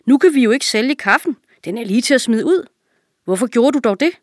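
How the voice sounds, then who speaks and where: A woman reading a children's story aloud, voicing a cruel, greedy, fat male king who barks orders in a raised, shrill voice. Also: sing-song, no echo, clean studio sound, close to an everyday voice. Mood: bossy. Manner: commanding, shrill when angry.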